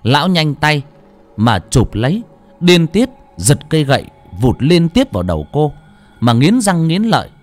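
A man narrating a story, with a dramatic, expressive reading. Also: fairly high pitch, normal speed. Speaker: audiobook narrator.

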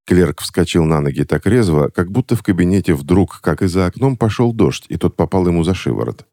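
A man narrating a fantasy novel as an audiobook reader, with expressive storytelling. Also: sits low, brisk, no room sound, studio quality.

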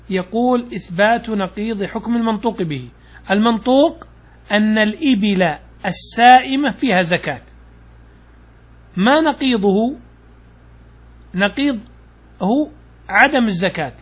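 Husky male scholar giving a patient lecture. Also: high voice, expressive. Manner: patient, explanatory, with pauses and "uh" fillers; poses questions and answers them himself. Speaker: Islamic scholar teaching jurisprudence. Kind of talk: classroom lecture explaining a text.

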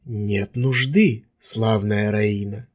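A man reading an audiobook voices a sorceress with a low, husky voice who gives curt, commanding orders. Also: steady tone, drawn-out words, darkish tone. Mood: calm.

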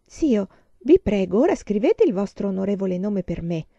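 A woman's voice: medium pitch, big pitch swings, moderate pace, dark tone, no room sound, muffled recording. A woman voicing a small, polite and eager boy in a storybook reading, in an earnest, raised voice.

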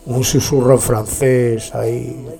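A man from Spain hosting a radio show, talking in a chatty, digressive monologue full of animated asides. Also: medium pitch, takes it slowly, gravelly. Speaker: radio host playing music. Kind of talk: rambling casual monologue.

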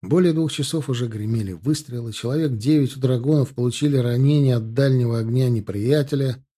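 Male audiobook narrator, steady storytelling, mellow dark tone. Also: medium pitch, fairly quick, breathy edge. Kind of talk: scripted narration.

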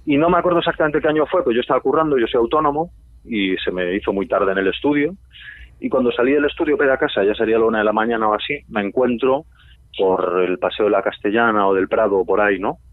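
A man with an accent from Spain tells a slangy, lively anecdote in a husky voice, acting out what he said back then. The sound is thin and tinny, like a phone line, and completely dry. His pitch sits in an ordinary middle range. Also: fast, no echo. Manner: lively storytelling, slangy, acts out his own past remarks. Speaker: guest telling a story on a radio show. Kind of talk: casual anecdote.

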